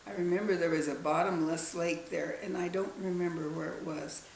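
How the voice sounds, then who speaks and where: A woman in her nineties, interviewed as a grandmother, recalling her childhood in a slow, halting way. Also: lowish voice, fairly even intonation, creaky, reverberant, a little hiss or hum, poor audio. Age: 90s. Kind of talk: casual family interview.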